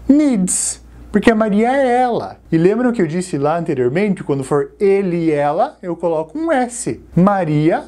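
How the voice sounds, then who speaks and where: A Brazilian woman teaches a beginners' English lesson in a Brazilian Portuguese accent. Her voice is low and mellow, with a lively, swooping pitch. She slows right down on the example words so learners can repeat after her. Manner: slow, drawn-out model words for learners to repeat.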